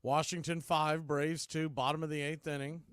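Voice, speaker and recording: Giving live play-by-play, this male American baseball announcer has a smooth, resonant, fairly bright voice pitched slightly high for a man. His delivery is flat at a moderate pace, recorded dry with very little room around it and no echo.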